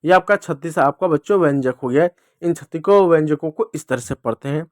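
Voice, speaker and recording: A male teacher giving a children's reading lesson, addressing the kids directly and drawing out each letter sound slowly, asking and answering his own questions. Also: on the high side, darkish tone, no room sound, studio quality. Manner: slow, drawn-out sounding of letters.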